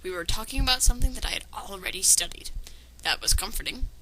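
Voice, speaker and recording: Over background noise, a woman with a mid-range, expressive voice reads fan fiction aloud at a fast clip. She turns it into a dramatic reading, breaking in with sarcastic, critical, mocking commentary.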